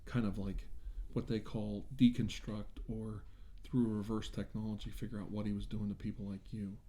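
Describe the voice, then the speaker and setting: In an improvised ASMR role-play, a man acts as a government doctor, speaking softly and reassuringly. His low voice is very mellow and relaxed, though his delivery is hesitant and halting.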